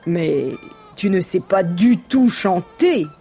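A woman's voice: fairly low pitch, expressive, slow, mellow, faint music behind. A woman voicing a big, hungry male wolf who speaks in a honeyed, sly way in a children's storybook.

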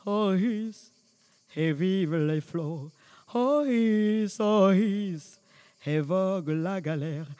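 A man's voice: high voice, darkish tone, dry recording. An actor playing the haunted, restless ghost of a murdered man in a radio drama, speaking solemnly and telling a story in an incantatory way. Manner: slow, solemn, incantatory delivery.

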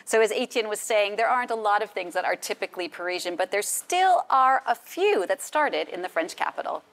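A woman's voice: medium pitch, animated, fairly quick, fairly bright tone. A woman hosting a travel food show, presenting in a scripted, upbeat way.

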